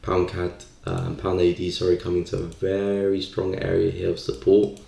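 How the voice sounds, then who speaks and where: A man with a low, monotone voice hosts a live stream, offering casual market commentary and thinking aloud hesitantly. He talks at a moderate pace with vocal fry and a warm tone. The recording sounds roomy and echoey.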